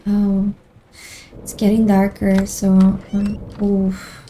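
A woman's voice: mid-range voice, monotone, slow pace, dark tone, slight background noise. A woman streamer giving casual commentary while playing a horror game, easily startled and talking to herself. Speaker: gameplay streamer.

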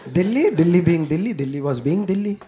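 A young man from Uttar Pradesh performs stand-up on a club stage, his voice sitting a little high as he tells stories and acts out the characters in them. He talks into a corded handheld mic. The live recording carries clear crowd noise from the room. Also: fairly quick. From Uttar Pradesh, India. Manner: animated storytelling, mixing Hindi and English, acting out characters. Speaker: stand-up comedian. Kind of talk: stand-up comedy set. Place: comedy club stage before a live audience. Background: audience laughter.

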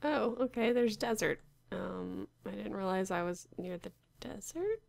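A woman at middle pitch with a gravelly edge to her voice mutters her way through a casual game session. She sounds unsure and wry, half talking to herself as she plays. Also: lively intonation, unhurried, a little mellow. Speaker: Minecraft player. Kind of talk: casual gameplay commentary.

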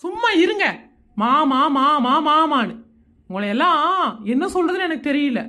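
A woman's voice: sits high, lively intonation, normal speed, sharp tone. A woman voicing a drunk old father-in-law in a Tamil cartoon, fond and slurring at times, stern and lecturing at others. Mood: stern scolding. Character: tipsy doting old father-in-law, later a scolding patriarch.

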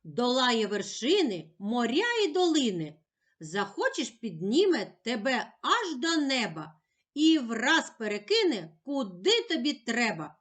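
A woman teacher giving a slow, scripted lesson to young children, drawing out syllables clearly. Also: on the high side, big pitch swings.

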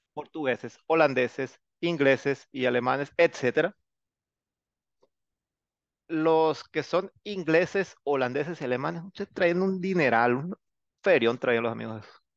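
A male English teacher gives an online class in a chatty, teasing way and coaxes quiet students to speak up. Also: medium pitch, vocal fry, no room sound. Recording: dull, dry lo-fi sound.

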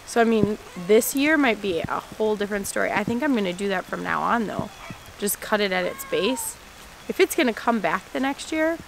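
A woman in her thirties chatting casually on a homestead vlog, outdoors in the garden, easily excited and quick to laugh. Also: medium pitch, vocal fry, a little hiss or hum. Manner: excitable, gasping and laughing at surprises. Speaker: homesteading vlogger. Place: outdoors in a rainy farm garden. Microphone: handheld camera mic.

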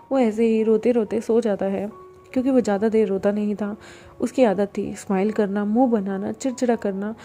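Mellow-voiced woman telling a fan story. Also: medium pitch. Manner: chatty, mixes English words into Hindi. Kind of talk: casual fan-fiction storytelling.

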